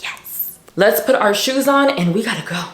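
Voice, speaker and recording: A woman's voice: medium pitch, animated, fairly quick, a bit bright, slight background noise. A woman fashion vlogger chatting casually with viewers while getting ready, in a playful, talkative way. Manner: chatty, playful, talks to viewers as "you guys" and "y'all". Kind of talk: casual get-ready-with-me chat. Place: hotel room. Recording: echoey hotel room.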